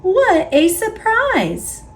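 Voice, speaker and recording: A woman voicing an excited, easygoing young male cat in a children's storybook, with wondering, drawn-out exclamations. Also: very high-pitched, pitched above the performer's own voice, exaggerated voice.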